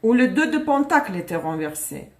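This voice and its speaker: On a live stream, a woman with a rather high, sing-song voice reads tarot at a moderate pace. Russian is her first language, and she keeps things chatty, laughing and fixing her own slips in an echoey room.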